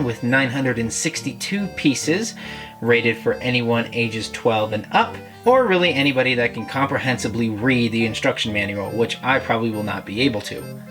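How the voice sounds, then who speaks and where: A man's voice: mid-range voice, a bit bright. A man hosting a casual toy review, talking in a chatty, rambling, self-deprecating way.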